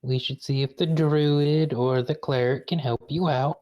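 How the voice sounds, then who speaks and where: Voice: mid-range voice, fairly even intonation, a little slow, lo-fi sound. A player at a tabletop game, speaking in a caring, practical way. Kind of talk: casual tabletop game play.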